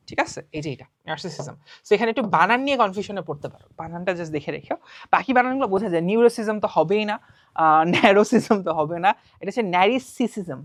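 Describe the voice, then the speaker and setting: Young woman teaching online, quick chatty lesson, answers her own questions, dry close sound. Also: mid-range voice, dry recording. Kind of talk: online class lecture solving quiz questions.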